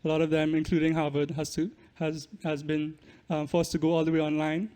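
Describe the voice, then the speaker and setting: A young man from Trinidad and Tobago, a musician and student, appears as a podcast guest and explains things in casual interview talk. His voice is on the high side and warm, with a completely flat delivery at a fairly quick pace.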